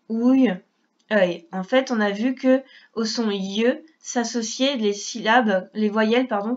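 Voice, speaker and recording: A woman teacher giving a dictation lesson to young children, speaking slowly and carefully, repeating each syllable and addressing the child directly. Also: a little high, highs cut off. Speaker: primary school teacher.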